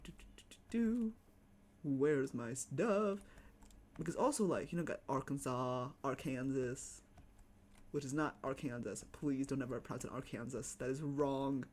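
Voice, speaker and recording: A streamer from the United States with a Chicago accent rambles and chats casually while gaming at home on a live stream. His voice is medium-pitched with a darkish tone at normal speed.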